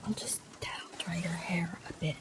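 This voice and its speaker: A woman whispering a bedtime story and tucking-in roleplay in a soft, gentle, soothing voice close to the mic. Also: fairly low pitch, level tone, normal speed, vocal fry. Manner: soft unvoiced whisper throughout. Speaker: ASMR storyteller. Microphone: close mic, whispering near the ear.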